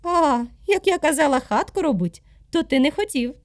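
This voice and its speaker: Storybook: woman as a reproachful little calf, high and loud. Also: animated, moderate pace. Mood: scolding. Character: scolding little female calf, bare and cold. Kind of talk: storybook character voice.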